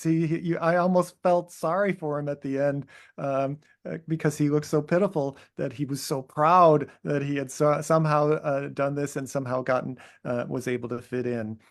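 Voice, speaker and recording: A man interviewing a filmmaker, asking long, rambling questions full of hesitations. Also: on the high side.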